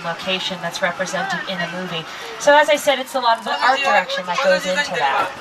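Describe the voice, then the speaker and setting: A woman tram tour guide giving an upbeat, playful scripted narration to riders, heard through an outdoor tram loudspeaker. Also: medium pitch, animated, brisk. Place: open-air studio tour tram. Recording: distant outdoor loudspeaker with crowd and vehicle noise.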